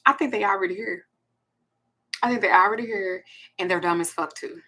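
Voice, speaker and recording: A woman's voice: mid-range voice, brisk, bright, forceful tone, husky. A woman, hosting a blunt, profane ranting monologue. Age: 40s. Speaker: host.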